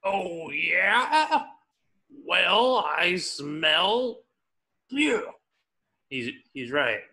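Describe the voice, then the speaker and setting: A man's voice: high voice, sing-song, drawn-out words, creaky, pushed and bright, heavily acted. A man voicing a tiny, scheming, grandiose plankton villain in a cartoon table reading, pompous and theatrical. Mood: taunting.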